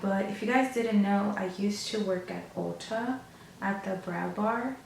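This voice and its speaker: A young woman chatting casually in a monotone, low-key way, like a get-ready-with-me beauty vlogger. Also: measured pace, creaky, far from the mic. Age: young adult. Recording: echoey room, off mic, faint noise.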